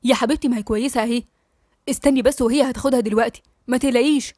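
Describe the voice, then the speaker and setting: A woman with an Egyptian accent reading a calm man who reassures his worried wife. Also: fairly high pitch, very fast, dry recording, studio quality, lightly acted. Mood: reassuring. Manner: soothing, reassuring. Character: calm reassuring young husband.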